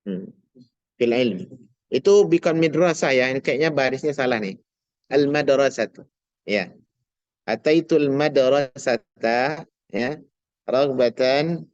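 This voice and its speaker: A man teaching an Arabic grammar class online, patiently quizzing his students and drawing out example words slowly. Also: medium pitch, a little mellow, dry recording, muffled recording. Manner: patient, asks students questions, slow drawn-out example words.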